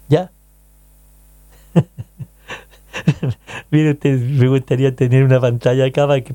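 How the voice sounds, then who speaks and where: A man with a Chilean accent hosts a casual radio show, talking to listeners with rhetorical questions and frequent check-ins. His voice is fairly high and warm, and the recording is dry.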